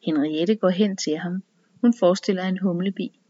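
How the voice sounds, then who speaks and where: A woman narrating a story in an even, measured reading voice. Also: lowish voice. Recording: dull, dry lo-fi recording.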